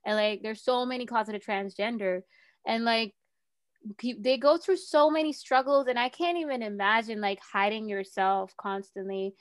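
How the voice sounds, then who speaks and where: A woman's voice: a little high, fairly even intonation, normal speed, dry recording. A young woman hosting a casual chat, talking freely with many fillers. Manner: chatty, frequent "like" fillers.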